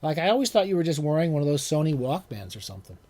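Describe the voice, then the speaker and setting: A man's voice: a little high, very animated, racing, darkish tone. A man voicing a brash young adult son who talks casually, peppering his speech with "like.". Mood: curious. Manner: chatty, full of "like" fillers.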